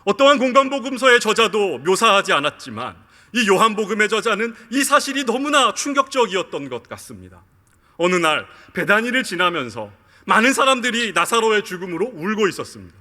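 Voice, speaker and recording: A man preaching a sermon, his voice bright and forceful with a pitch that climbs and falls in lively arcs. He leans on each line he quotes and keeps turning to speak to his listeners. His words ring out through a long church reverb. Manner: earnest preaching, drawn-out quoted lines, addresses the congregation often. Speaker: pastor. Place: church sanctuary.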